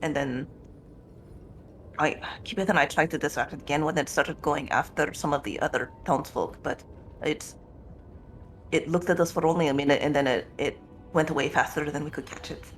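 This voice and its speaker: Tabletop role-play narration, mid-pitched, halting, self-correcting, faint music. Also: steady tone, a bit bright.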